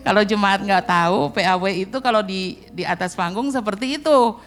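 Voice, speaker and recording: A middle-aged woman with an Indonesian accent preaching a sermon in a church, chatty and joking, with quick acted-out asides. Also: medium pitch, a bit bright, soft background music. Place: church hall.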